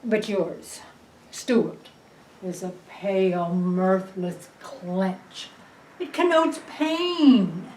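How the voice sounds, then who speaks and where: A woman's voice: medium pitch, animated, very slow, a little mellow, a little hiss or hum, rough recording. An older woman playing a blunt, long-married wife who teases her husband in a dry way. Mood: wistful. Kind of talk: film drama acting.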